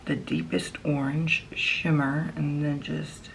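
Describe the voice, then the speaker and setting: A woman's voice: low-pitched, little pitch movement, slow, creaky, slight background noise, poor audio. A woman chatting casually through a makeup tutorial, chewing gum as she talks and often trailing off into a murmur. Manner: chewing gum while talking. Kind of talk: casual chat while applying makeup.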